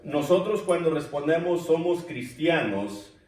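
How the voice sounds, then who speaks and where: A man's voice: fairly high pitch, expressive, measured pace, a little mellow. A man teaching a church bible class, addressing the listeners as brothers and putting questions to the class. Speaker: preacher. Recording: distant mic in echoey church room.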